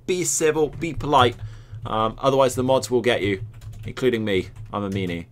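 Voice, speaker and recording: A man's voice: mid-range voice, moderate pace. A young Scottish man streaming and commentating a game tournament, joking, swearing and chatting to his viewers.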